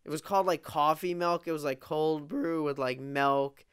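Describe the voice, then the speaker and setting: A young woman from New Jersey hosts a casual podcast chat, playful and full of "like". Her voice sits a bit low and comes through very smooth and clear. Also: normal speed. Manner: playful, says "like" a lot. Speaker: podcast host.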